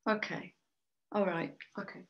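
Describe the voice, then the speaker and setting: A woman doing a spiritual tarot card reading, talking slowly and musingly, trailing off and starting over, with little laughs between thoughts. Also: on the low side, fairly even intonation, gravelly, highs cut off, a little hiss or hum. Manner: slow, musing, trails off and restarts. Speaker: tarot reader and soul coach.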